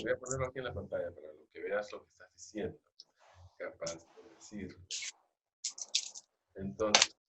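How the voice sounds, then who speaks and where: A man leading an agile training session, coaching a participant with slow, questioning explanations. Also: lowish voice, reverberant, heavy background noise.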